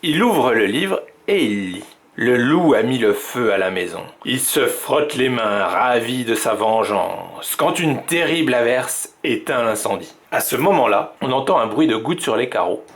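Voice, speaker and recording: A man from a library reading a children's picture book aloud, slow and suspenseful. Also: mid-range voice, expressive. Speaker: library storyteller.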